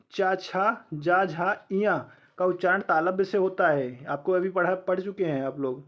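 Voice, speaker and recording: A male teacher with a fairly high voice runs through an exam-prep lesson, firing off questions and answering them himself. He slows down to spell out sounds one at a time. The recording is a little dull and lo-fi. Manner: sounds out letters slowly one by one.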